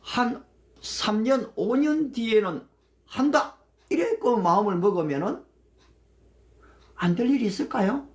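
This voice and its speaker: A man's voice: high voice, lively intonation, a little slow, pauses often. A man as a pastor preaching conversationally on a livestream, asking his listeners questions and mixing in English scripture. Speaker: pastor leading a livestream prayer meeting. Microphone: phone livestream mic.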